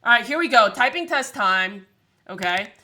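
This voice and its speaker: A chatty woman streaming live, talking to her viewers in a loose, rambling way and cursing casually. Her voice sits a little high and sounds bright and forceful. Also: animated, moderate pace, poor audio. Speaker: livestreamer talking to chat. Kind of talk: casual livestream chat.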